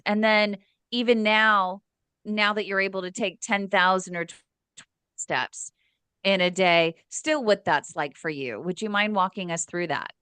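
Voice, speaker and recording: A woman hosting a support group, asking gentle, probing questions on a video call. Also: medium pitch, clear, resonant tone, no echo.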